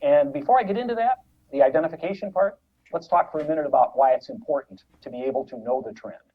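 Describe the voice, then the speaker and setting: A man teaching trading in a measured, explanatory way, heard as a re-recorded playback of an old recording. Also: fairly high pitch. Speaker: trading instructor. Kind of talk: instructional lecture. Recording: muffled, distant re-recorded playback.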